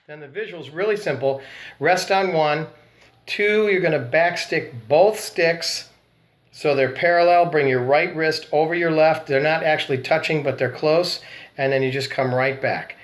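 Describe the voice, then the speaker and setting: A man teaching a snare drum part, calmly explaining rudiments and counting off before he plays. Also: fairly high pitch, normal speed. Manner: calm, counting off and calling rudiments. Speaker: drum instructor. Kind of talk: instructional demonstration.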